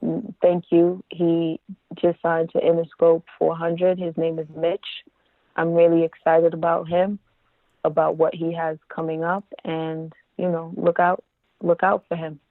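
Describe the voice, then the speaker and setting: A woman guest in a relaxed interview, talking in a calm, fairly monotone way. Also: on the low side, unhurried, no room sound. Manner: calm, even, self-described monotone. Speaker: guest, music marketer. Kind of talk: casual interview chat. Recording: tinny phone-like line.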